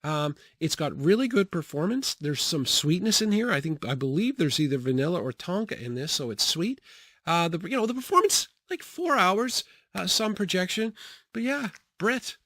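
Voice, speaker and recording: A young man chatting casually about his fragrances, relaxed, with many fillers and frequent laughs. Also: high-pitched, normal speed, no echo. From grew up partly in the Bahamas and Jamaica. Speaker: fragrance reviewer. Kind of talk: casual product review.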